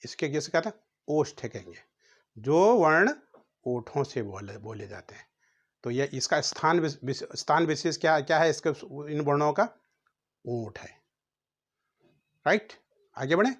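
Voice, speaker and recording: A man's voice: a little high, lively intonation, unhurried, long pauses. A man teaching a grammar lesson, sounding out letters one at a time and asking questions he then answers himself.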